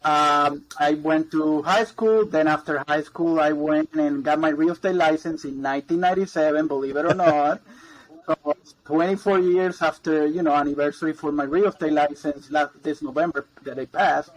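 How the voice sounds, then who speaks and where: A man in his 40s from Puerto Rico, a mortgage broker, appears as a guest in a casual interview chat. His voice sits on the high side with a steady tone at normal speed, and he rambles, repeating words with many ums and uhs. The recording quality is low.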